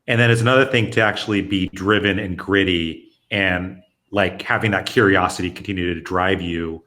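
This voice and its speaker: A man's voice: low-pitched, fairly even intonation, moderate pace, pushed and bright. A man hosting a casual interview, asking curious, friendly questions with lots of fillers. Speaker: host.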